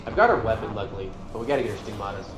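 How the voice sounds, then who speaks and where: Over loud game music and a roomy echo, a man commentates on his gaming video in a casual, slangy, excited way. His voice is on the low side, rapid-fire, with lively intonation and background noise.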